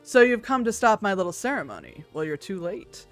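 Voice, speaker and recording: A woman's voice: medium pitch, sing-song, a little fast, faint music behind, lightly acted. Woman acting a gloating, theatrical male game villain. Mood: gloating, menacing. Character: gloating male villain craving godlike power.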